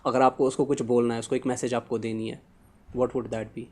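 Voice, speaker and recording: A man hosts an interview podcast, speaking in an ordinary mid-pitched voice. His questions ramble conversationally and switch into English phrases now and then. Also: level tone, fairly quick, darkish tone. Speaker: podcast host.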